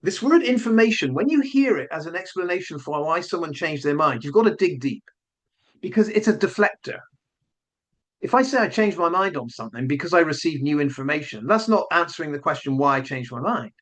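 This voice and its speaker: A combative man hosting his own commentary vlog. His voice sits fairly high and swoops widely, with sarcastic, emphatic jabs. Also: lively intonation, a little fast, fairly bright tone. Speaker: online commentator.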